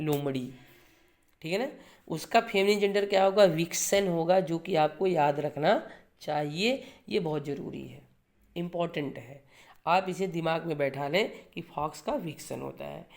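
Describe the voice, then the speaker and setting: A man's voice: a little high, vocal fry. Guy teaching grammar, asks a question then answers it himself, keeps going "hai na", drops english terms into his hindi. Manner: keeps checking in with "है ना" and "ठीक है ना"; drills key points by repeating them for exams. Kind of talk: classroom-style grammar lecture.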